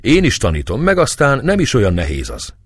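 A man's voice: mid-range voice, wildly swooping pitch, husky, dry recording, pitched above the performer's own voice. Bold frank young comrade, read by a man, dry close sound.

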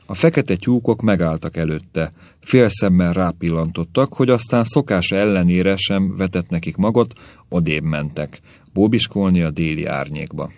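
A man narrating a story as an audiobook, in a calm, measured way. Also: sits low, no room sound.

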